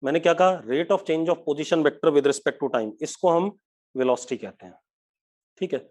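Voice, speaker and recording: Guy teaching physics online, voice on the higher side, mixes english terms into hindi, dictates slowly, keeps checking if students got it. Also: a little mellow. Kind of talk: online live class lecture.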